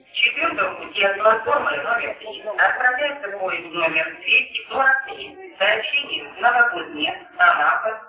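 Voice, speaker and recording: A man reading formal, measured public-address announcements at a railway station, in the manner of an airport announcement. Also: medium pitch. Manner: formal, measured announcing with set phrases repeated. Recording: echoey distant station loudspeaker, muffled lo-fi.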